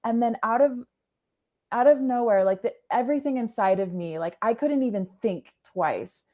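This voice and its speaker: A woman's voice: on the high side, animated, narrow, tinny audio. Earnest woman who rephrases as she goes. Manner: earnest, halting, often stops to rephrase. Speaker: podcast guest. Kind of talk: telling a personal story in conversation.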